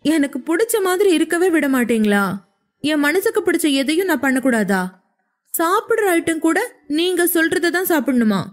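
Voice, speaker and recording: A woman's voice: sits high, animated, moderate pace, a little mellow. A woman voicing a sulky, childlike young woman who whines and pleads in an audio story. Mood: tearful, pleading. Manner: whiny, pleading.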